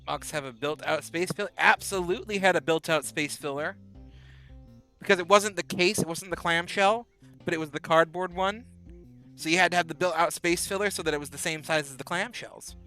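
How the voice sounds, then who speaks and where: Slightly sick and stuck on bed rest, a man in his twenties rambles through a live-stream game session, casually responding to messages from his chat. His voice is on the high side, sharp, and a little fast, with faint music in the background.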